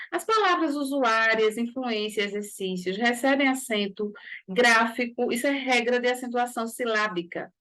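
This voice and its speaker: Brazilian woman, bright higher register, grammar teacher walking students through exam questions, keeps asking whether they follow. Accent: Brazilian Portuguese. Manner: explains step by step with frequent tag questions. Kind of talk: exam-prep grammar lesson.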